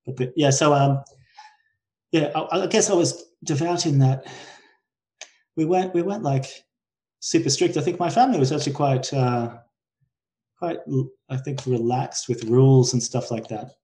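A man's voice: medium pitch, moderate pace, dark tone. A man in his forties with a Queensland Australian accent, chatting as an interview guest in a hesitant way, often circling back to rephrase himself. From Brisbane, Australia. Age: 40s. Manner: hesitant, frequent self-corrections and trailing thoughts. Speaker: podcast guest. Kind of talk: casual conversational interview.

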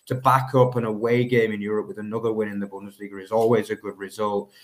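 A man co-hosts a football podcast, chatting casually and rambling with lots of fillers like "obviously" and "you know." His voice is fairly low in pitch, with a level tone and a fast pace.

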